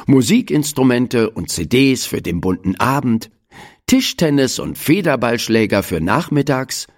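A storybook narrator reads at an easy, unhurried pace, the intonation rising and falling broadly across every sentence. The reading is scripted and expressive, made for young listeners. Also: mid-range voice. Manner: expressive reading, switching into many children's voices. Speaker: audiobook narrator.

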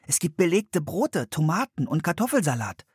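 A man doing an eager, excited little girl. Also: fairly high pitch, moderate pace, slightly rough, no echo, clean studio sound, voice pushed up, exaggerated voice. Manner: bright, excited exclamations.

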